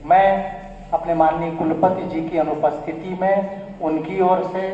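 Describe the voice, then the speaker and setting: A man's voice: on the high side, fairly even intonation, measured pace, dull audio, a little hiss or hum. A man giving a formal ceremonial speech at a university event, in an oratorical manner. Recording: echoey hall with faint crowd.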